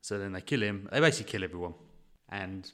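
Low-voiced male co-host, rambling storyteller, casual podcast chat. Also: expressive, fast talker, a bit bright. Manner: rambling retelling with fillers.

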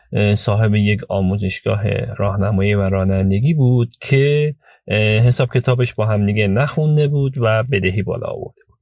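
A man hosting a storytelling podcast about legal cases, talking chattily with frequent hesitations, his voice hoarse from a cold. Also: mid-range voice, darkish tone, no echo, lo-fi sound. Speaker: podcast host and lawyer recounting client cases.

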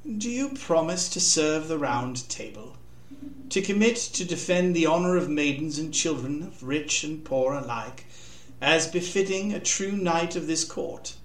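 A jovial, booming king with a loud, proclaiming delivery, voiced by a male narrator. He sounds raised and bright, heard from some way off in a roomy space. A storybook monarch full of cheer. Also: animated, measured pace. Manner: hearty, proclaiming. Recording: echoey room, mic at a distance.

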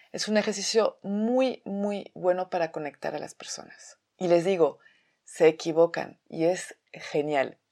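Woman, drama teacher, walks you through an acting exercise, calm and methodical, a bit low. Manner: calm, methodical explanation with examples. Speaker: theater workshop teacher.

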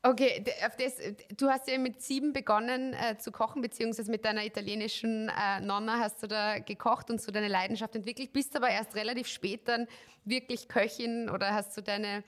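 A woman's voice: on the high side, steady tone, a little fast, fairly bright tone. A woman hosting an interview podcast, friendly and chatty, asking long winding questions. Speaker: podcast host.

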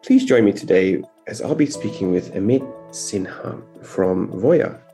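A man's voice: on the low side, expressive, measured pace, warm tone, faint music behind. A man hosting a podcast interview, chatty and upbeat, with many fillers. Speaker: podcast host.

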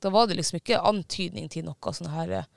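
Man, casual chat, high voice, smooth yet gravelly, dry close sound, animated storytelling. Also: no echo. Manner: animated, swearing storytelling with many fillers.

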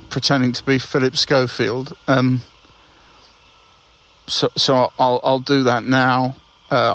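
A man leaving a voicemail, heard over a landline phone, hesitant and halting with many ums. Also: mid-range voice, fairly bright tone. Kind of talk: comedy sketch. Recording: muffled phone-line audio.

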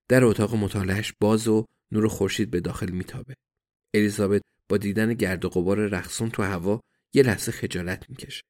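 A man narrating an audiobook in a steady, even storytelling manner. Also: lowish voice.

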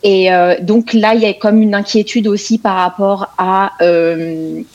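A woman's voice: medium pitch, fairly even intonation, measured pace, a little mellow, lo-fi sound. A woman from Quebec with a Québécois accent, a guest who talks loosely with many fillers. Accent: Québécois French.

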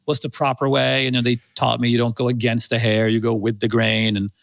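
A chatty man in his fifties with a gravelly edge to his voice, guesting on a podcast and often repeating himself. The sound is dry and close, with no room around it. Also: mid-range voice, little pitch movement, fairly quick, dry recording. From Armenian. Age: 50s. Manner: chatty, self-deprecating, repeats phrases. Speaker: guest, fragrance company head. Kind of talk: casual podcast interview.

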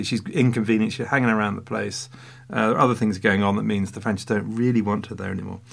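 A playful Englishman hosts a casual history podcast, chatting with jokey asides and mock French phrases. His mid-range voice is husky and a bit bright, with vocal fry.

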